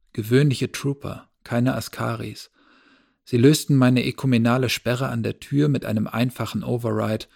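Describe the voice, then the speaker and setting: A man reading a novel aloud as a first-person narrator, in a measured, low-key storytelling manner. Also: vocal fry, darkish tone, slightly rough. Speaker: audiobook narrator.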